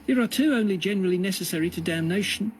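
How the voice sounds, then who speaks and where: A man's voice: fast, a little hiss or hum, lightly acted, low-quality recording. A man voicing an eager young male prisoner who recites drilled answers in a storybook reading. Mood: dutiful. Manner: high, dutiful, recited answers.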